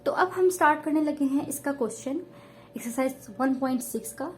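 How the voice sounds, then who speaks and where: A woman's voice: high voice, fairly quick, reverberant, slight background noise. A woman math teacher explaining a lesson step by step, patiently repeating each point and addressing her pupils.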